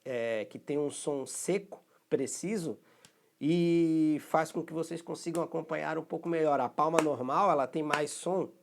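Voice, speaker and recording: With background noise behind him, a man with a Brazilian Portuguese accent and a fairly high, gravelly voice leads a recorded rhythm lesson. He explains steps patiently and regularly checks that students are keeping up.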